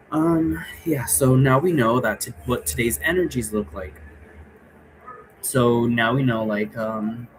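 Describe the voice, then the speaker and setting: There's background noise behind this man's medium-pitched voice as he casually explains role play rules like a vlogger. His explanation rambles, and he keeps tagging sentences with a questioning "right?".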